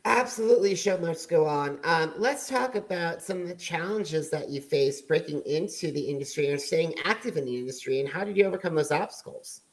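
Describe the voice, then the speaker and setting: A man's voice: fairly high pitch, a little fast, hardly any pauses, low-quality recording. A man hosting a podcast, asking questions and reacting in a loose, chatty interview. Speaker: podcast host. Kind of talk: casual interview.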